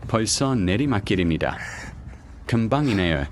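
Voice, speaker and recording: A man narrates a vlog in a scripted, slangy style. His voice sits a little low but moves with lively intonation, over faint outdoor noise. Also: moderate pace.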